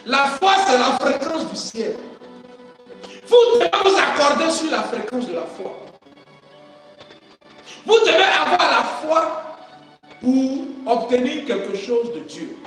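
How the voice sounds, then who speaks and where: A man preaching a sermon, fervent and swinging between shouting and quiet, calling to the congregation for responses. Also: very high-pitched, lively intonation, slow pace, pauses often. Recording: echoey hall from far off, music.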